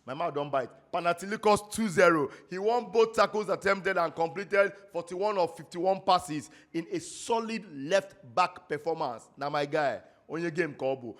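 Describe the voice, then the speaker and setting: Nigerian man, high voice, casual football roundup host, chatty, pidgin asides. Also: normal speed, hardly any pauses, fairly bright tone. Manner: chatty, stumbles over names, drops pidgin asides.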